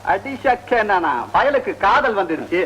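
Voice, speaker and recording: A man's voice: high voice, animated, moderate pace, fairly bright tone, rough recording. An actor playing a weary middle-aged father with dry, mocking humor in old film dialogue. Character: weary, sarcastic father of a grown son.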